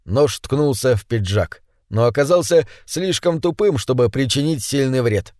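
A man narrating an audiobook with measured, dramatic reading. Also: mid-range voice, expressive, a little mellow, no room sound, clean studio sound. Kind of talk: scripted narration.

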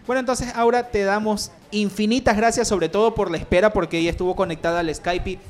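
A man's voice: high-pitched, steady tone, quick pace. A man hosting an online radio show who has a cold, agreeably summing up what his guest says. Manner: agreeable, affirming and summarizing. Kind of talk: casual online radio interview.

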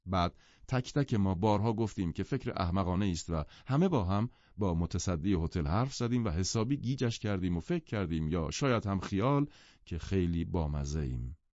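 A man reading a novel aloud as audiobook narrator in a measured storytelling manner, in a dry, muffled recording. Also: low voice, expressive, darkish tone, no echo. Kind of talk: scripted literary narration.

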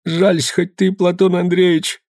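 A man voicing a creaky, begging poor peasant. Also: medium pitch, expressive, moderate pace, warm tone, no room sound, clean studio sound. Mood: pleading. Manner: begging, plaintive. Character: poor pleading male peasant, hungry and humble.

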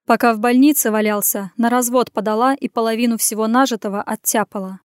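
Woman voicing a gruff businessman. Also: fairly high pitch, steady tone, fast, no echo, studio quality, close to an everyday voice. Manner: gruff and clipped. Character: brusque grown man, wealthy businessman, gruff. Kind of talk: audiobook reading.

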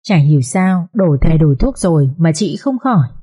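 A woman's voice: deep voice, animated, fairly quick, dark tone, slightly rough. A woman voicing a scheming second wife who speaks in a falsely sweet, coaxing voice in an audio story. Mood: falsely concerned.

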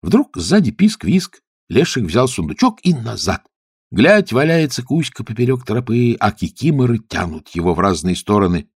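A man narrating a children's fairy tale in an expressive way, at times hushed. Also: mid-range voice, moderate pace, husky, no room sound, studio quality. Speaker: storyteller. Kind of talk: storybook narration.

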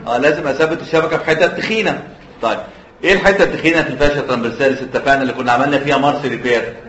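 A man's voice: mid-range voice, racing, fairly bright tone, slight background noise. A man with an Egyptian Arabic accent giving a surgery lecture, quizzing the students and letting them finish his sentences. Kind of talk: classroom lecture. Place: lecture hall. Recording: echoey lecture hall, dull lo-fi audio.

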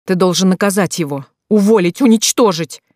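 A narrator voicing a furious, betrayed young wife who shouts crude accusations in an audiobook. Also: medium pitch, moderate pace, dry recording, studio quality, natural voice.

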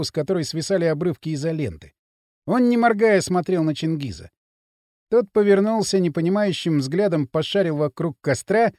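Lively, high-voiced male narrator. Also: dry recording, clean studio sound. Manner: expressive, dramatic reading. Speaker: audiobook narrator. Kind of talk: scripted narration.

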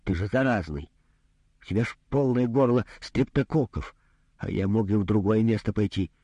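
A man's voice: on the low side, moderate pace, warm tone, husky, no room sound, lo-fi sound. A man voicing a rude, greedy male doctor who talks in a brusque, condescending, grumbling way in a humorous storybook reading. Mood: gruff.

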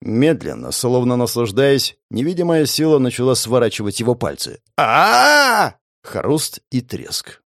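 A man's voice: medium pitch, big pitch swings, normal speed, few pauses, darkish tone, no room sound, clean studio sound. A man giving gritty, intense first-person fantasy audiobook narration, swearing now and then.

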